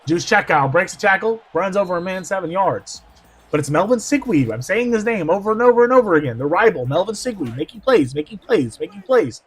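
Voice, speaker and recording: Giving play-by-play football commentary, this man speaks in a high-pitched, brisk voice that's turning hoarse. He moves from hushed asides to bursts of shouting.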